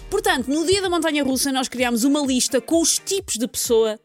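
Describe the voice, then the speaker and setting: A woman's voice: high-pitched, lively intonation, brisk, faint music behind. A woman with a European Portuguese accent presenting casual comedic radio commentary in a playful, wry way. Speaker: radio humour segment presenter.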